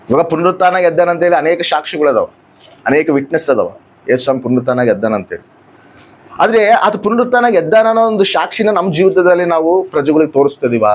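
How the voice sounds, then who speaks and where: A man's voice: a little high, breathy edge. A male pastor, preaching a sermon and firing off rhetorical questions that he answers himself, repeating key phrases. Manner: answers his own questions.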